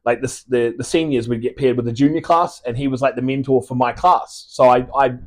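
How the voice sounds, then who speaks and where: A man's voice: medium pitch, steady tone, fairly quick. A man in his thirties from Australia with a mixed Australian and New Zealand accent, chatting as a podcast guest and rambling with restarts and swearing. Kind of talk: casual chat.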